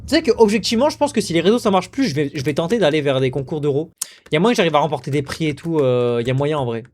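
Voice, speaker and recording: A young man streaming live who chats casually and jokes around with rowdy slang, answering his chat in a high voice. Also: animated, very fast, background noise.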